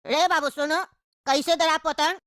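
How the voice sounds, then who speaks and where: A woman's voice: high-pitched, steady tone, normal speed, no room sound, studio quality. A woman voicing an elderly grandfather who is patient and indulgent with his grandson in a cartoon comedy. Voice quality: gentle, indulgent.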